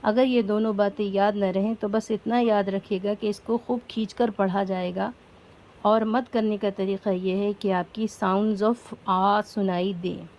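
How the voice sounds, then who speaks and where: A woman teaches a recitation class with a patient, step-by-step manner. Her voice is warm and mellow, at an ordinary middle pitch. Now and then she stops to ask her students questions. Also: fairly even intonation. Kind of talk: explaining lesson to a class.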